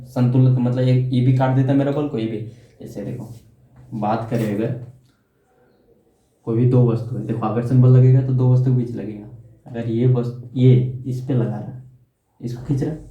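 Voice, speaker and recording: A man teaches at a board, tossing questions to the class and answering them himself. His voice sits at an ordinary middle pitch. The recording is dull and lo-fi, with a roomy echo around him. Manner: repeats key terms, adds tag questions. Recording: echoey room, dull lo-fi sound.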